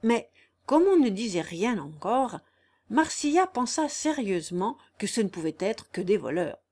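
A woman's voice: mid-range voice, big pitch swings, measured pace, dark tone. Woman narrating an audiobook dramatically.

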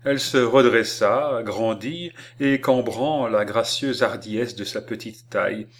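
Guy reading an old novel out loud, even and expressive. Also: mid-range voice, a little slow. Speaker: audiobook reader. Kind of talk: audiobook narration.

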